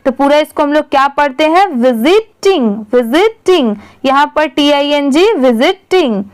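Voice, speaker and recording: Slow, high-voiced woman teacher. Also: expressive. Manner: patient, asks questions and answers them herself; reads English sentences very slowly, word by word. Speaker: English reading teacher. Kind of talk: reading lesson, spelling words letter by letter.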